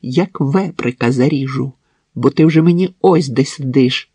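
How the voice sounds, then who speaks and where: A man reading an audiobook, voicing a desperate, cornered woman who shouts shrilly and hysterically. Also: mid-range voice, measured pace, slightly rough, no room sound. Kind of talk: audiobook narration.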